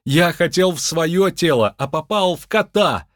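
A man voicing a panicked male soul trapped in a cat's body, with shrill, exasperated outbursts. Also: moderate pace, vocal fry, no echo, studio quality. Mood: pleading. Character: panicked male human soul stuck in a cat.

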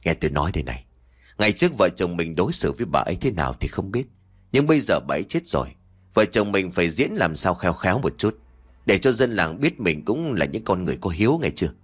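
A man voicing a callous middle-aged village husband who grumbles and lectures in a low voice. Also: sing-song, quick pace, breathy edge, heavily acted. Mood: lecturing.

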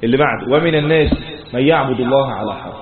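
A man's voice: mid-range voice, rapid-fire, crowd noise. A man with an Egyptian Arabic accent giving a Quran commentary lesson, reciting verses and then explaining them in colloquial speech, asking questions and answering them himself. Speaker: Quran teacher. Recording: tinny phone-like lo-fi audio.

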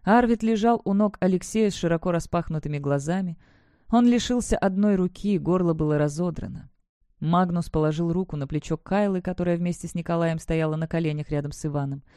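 An audiobook reader giving dramatic, expressive first-person narration of a fantasy novel. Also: mid-range voice, fairly quick, clean tone, no room sound, studio quality.

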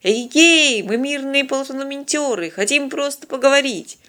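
A woman's voice: high-pitched, big pitch swings, normal speed, a bit bright, pitched above the performer's own voice, exaggerated voice. A woman reading an audiobook and voicing a carefree, cheeky young male pilot in a casual tone. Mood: breezy.

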